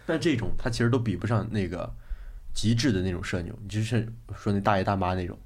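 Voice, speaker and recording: A man's voice: fairly low pitch, fast talker, slight background noise. A young man co-hosting a casual podcast chat, telling stories with lots of laughter and acting out the people he quotes. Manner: animated storyteller who laughs often and acts out quoted people. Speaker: podcast co-host.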